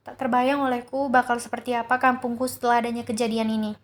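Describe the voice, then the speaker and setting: A woman narrating a first-person horror story in a steady, earnest way. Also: fairly high pitch, quick pace.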